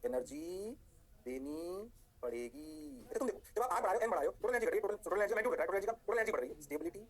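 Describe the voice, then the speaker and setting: A man teaching chemistry in an online lecture, energetic, answering his own questions in a students' voice and stressing points by slow repetition. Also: high voice. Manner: repeats words slowly for stress.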